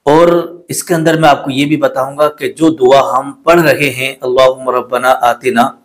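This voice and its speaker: A man's voice: on the high side, fairly even intonation. A man teaching a religious lesson in polite, patient with a lilt. He corrects common mistakes and repeats words carefully. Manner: recites the Arabic prayer slowly in a melodic chant. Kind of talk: religious instruction to camera.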